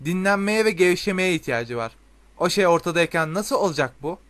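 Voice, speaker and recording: A man's voice: high voice, animated, brisk, a bit bright, pitched above the performer's own voice. A man reading a storybook voices a flustered teenage boy who exclaims and gets defensive.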